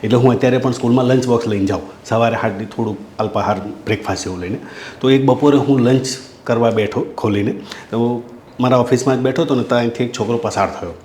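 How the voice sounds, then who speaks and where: A man's voice: mid-range voice, fast talker, a little mellow, a little hiss or hum. A middle-aged man with a Gujarati accent, a school principal telling a heartfelt story from his school and addressing his listeners as sir. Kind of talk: storytelling talk. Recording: echoey room.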